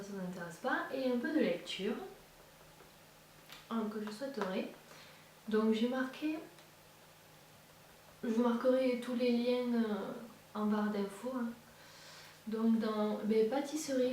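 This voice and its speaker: A woman with a medium-pitched, somewhat dark voice chats casually as a beauty vlogger, hesitating often with lots of fillers and restarts. The recording sounds echoey and distant from the mic, with a faint hiss.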